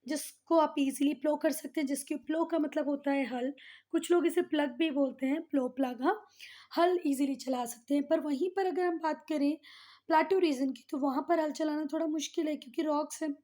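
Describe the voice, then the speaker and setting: Woman teacher, pretty high voice, goes over each point again n again for the kids, slips english bits in. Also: fairly even intonation, moderate pace, dark tone. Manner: explains patiently, repeats key terms and keeps addressing the students; mixes English textbook phrases into Hindi explanation. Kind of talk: classroom lesson for schoolchildren.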